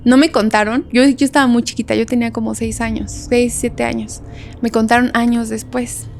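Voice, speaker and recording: A young woman with a Mexican Spanish accent telling a story in a casual podcast chat, animated and laughing often as she acts out voices. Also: a little high, fairly quick, vocal fry, soft background music. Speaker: podcast guest.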